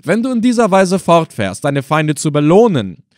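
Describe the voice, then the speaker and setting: A man reading an audiobook, voicing a loyal, excitable male servant who talks in a lively, pleading and exclamatory way. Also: a little high, normal speed, dry recording, studio quality, pitched above the performer's own voice. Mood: indignant, plaintive.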